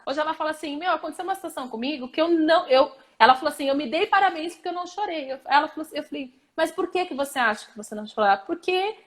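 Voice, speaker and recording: A woman's voice: sits high, animated, rapid-fire, few pauses. A woman therapist with a Brazilian accent, talking in a casual panel conversation, emphatic and full of rhetorical questions. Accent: Brazilian Portuguese. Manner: emphatic, repeats key phrases, asks rhetorical questions. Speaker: therapist and host.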